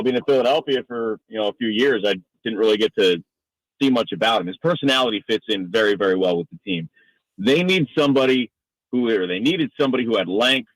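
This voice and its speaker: Speaking as a guest on a radio interview, this Northeastern US sports announcer is chatty and long-winded. He has a fairly low voice, and the recording is rough but free of echo.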